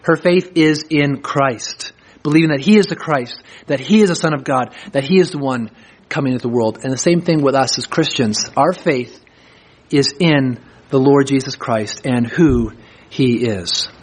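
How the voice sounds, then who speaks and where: A pastor preaches a sermon, reading scripture slowly before explaining it in plain, conversational language. His voice is medium-pitched and husky.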